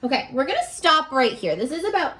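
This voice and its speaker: Reading aloud to young children, this primary school teacher keeps things lively, posing questions and waiting for responses. Her voice is high-pitched.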